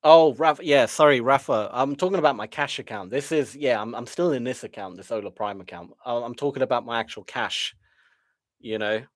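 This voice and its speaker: Brisk and medium-pitched, this man streams live as a day trader, talking viewers through his trading. He muses with sighs, frustrated and self-deprecating.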